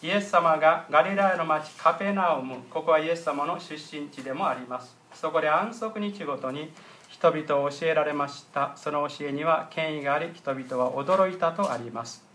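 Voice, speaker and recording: A man's voice: a little high, normal speed, bright, forceful tone, slight background noise. A man pastor preaching an earnest, emphatic sermon and stopping often to address the congregation directly. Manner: earnest, emphatic preaching with frequent ですね fillers.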